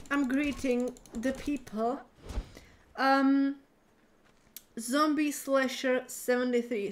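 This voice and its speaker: A woman streamer chatting casually and playfully with her viewers while gaming. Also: high voice. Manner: playful, teasing, talks to chat.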